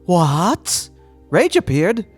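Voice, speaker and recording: A man's voice: high voice, very animated, drawn-out words, slightly rough, faint music behind, full character voice. A man reading an earnest, flustered young detective. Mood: alarmed. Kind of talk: amateur visual novel voice reading.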